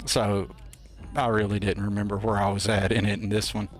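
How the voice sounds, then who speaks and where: A man's voice: lowish voice, level tone, fairly quick, faint music behind. A man hosting a game stream with casual, folksy, playful and rambling commentary. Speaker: host of a gameplay livestream.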